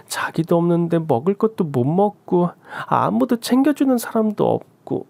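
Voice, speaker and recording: A man's voice: high-pitched, creaky, darkish tone, no echo, pitched above the performer's own voice, heavily acted. A man doing a whiny young wife. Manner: whiny, drawn-out pleading.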